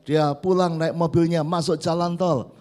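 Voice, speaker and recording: A man with a fairly high voice preaching to his church. He tells animated stories and calls on the congregation to repeat his words back to him. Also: moderate pace. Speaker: pastor. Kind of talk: sermon. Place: church service.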